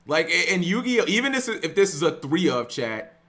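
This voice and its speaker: A man's voice: on the high side, big pitch swings, moderate pace, fairly bright tone. A young man streaming, ranting casually to his live chat with lots of restarts and some swearing.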